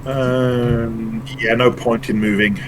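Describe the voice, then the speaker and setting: Guy playing a tabletop game, talks slow in bits, really noisy hum behind him. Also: medium pitch, level tone. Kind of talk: casual game chat.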